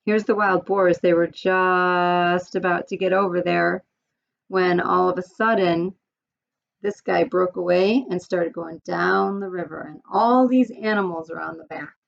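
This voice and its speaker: A woman teacher reads a chapter book aloud to her students and explains the pictures in a friendly, conversational way. Her voice has a gravelly fry at the ends of phrases. The recording is dull and lo-fi. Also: fairly low pitch, fairly even intonation, measured pace. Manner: friendly, explaining, some fillers.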